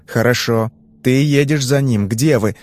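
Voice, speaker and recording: Man doing a calm, brusque male hypnotist. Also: medium pitch, lightly acted. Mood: probing. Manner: measured, terse questioning.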